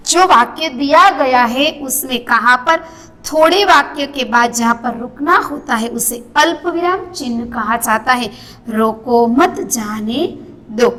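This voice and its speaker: A woman teaching a grammar lesson to children, explaining slowly and restating each point. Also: high voice, fairly bright tone.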